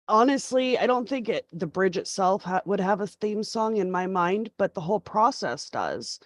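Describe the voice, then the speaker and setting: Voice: medium pitch, dry recording. Mobility manager, wry, joking, dry close sound. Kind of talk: video call introduction. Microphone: video call.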